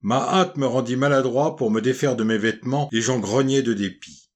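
A man narrating a first-person novel as an audiobook, in a measured, even storytelling delivery. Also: mid-range voice.

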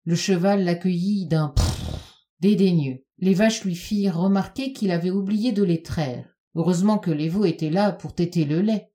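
A woman reads a children's story aloud with a warm, mellow tone. Her narration is calm and steady. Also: fairly low pitch.

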